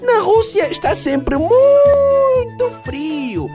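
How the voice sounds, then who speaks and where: A performer voicing an excitable cartoon mascot who guides small children on trips, with a bright, squeaky, sing-song welcome and a European Portuguese accent. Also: extremely slow, heavily acted. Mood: cheerful, welcoming. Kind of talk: children's radio travel segment. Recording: music behind the voice.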